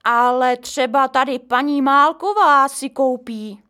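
A woman's voice: high-pitched, sharp tone, voice pushed up. A woman voicing a middle-aged male building caretaker in a storybook reading, drawling his friendly greetings. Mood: jovial.

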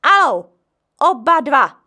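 A woman voicing a harried mother in a storybook reading, scolding and giving sharp orders. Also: high voice, very animated, pitched above the performer's own voice, heavily acted. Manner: scolding, commanding. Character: harried young mother, stern and shouting.

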